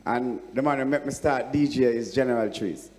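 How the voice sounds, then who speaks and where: A Jamaican man, a deejay on a discussion panel, answering in a relaxed manner with patois greetings. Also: mid-range voice, fairly quick. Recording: long hall reverb, faint noise.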